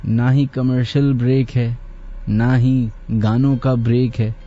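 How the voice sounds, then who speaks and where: A man hosting a late-night radio show, talking slowly and deliberately and chatting as he reads out listeners' names. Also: medium pitch, little pitch movement, dark tone. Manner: unhurried, deliberately slow talker. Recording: slightly dull radio studio audio.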